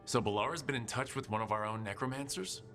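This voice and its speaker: A man's voice: medium pitch, quick pace, a bit bright, natural voice. An actor playing an assured, businesslike male team leader in a fantasy video game. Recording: music under the voice.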